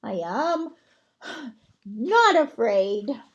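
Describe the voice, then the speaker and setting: A woman voicing a timid, gentle male frog in a storybook read-aloud, speaking softly and meekly. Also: fairly high pitch, big pitch swings, extremely slow, dull audio, pitched below the performer's own voice, full character voice.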